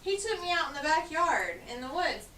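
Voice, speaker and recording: High bright Southern woman, playful church podcast co-host, echoey room, mic set back. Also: sing-song, normal speed. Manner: chatty and playful, laughs often. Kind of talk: casual chat. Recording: echoey room, mic at a distance, faint noise.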